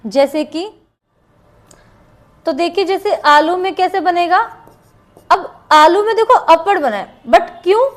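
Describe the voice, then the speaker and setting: Slow, high-voiced woman teaching. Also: expressive. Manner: slow, repeats each example word twice. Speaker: shorthand teacher. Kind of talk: classroom lesson with board writing.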